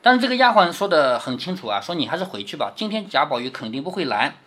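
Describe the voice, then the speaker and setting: A man's voice: fairly high pitch, very animated, fast, a bit bright. A man reading a classic novel aloud to his daughter and explaining it patiently, often asking rhetorical questions.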